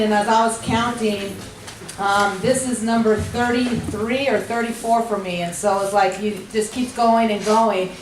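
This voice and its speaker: A middle-aged woman with a hoarse, gruff voice giving a welcome speech at a rules clinic, talking informally with many ums and restarts. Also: fairly high pitch, slight background noise. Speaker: executive director of a state activities association. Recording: echoey hall from far off.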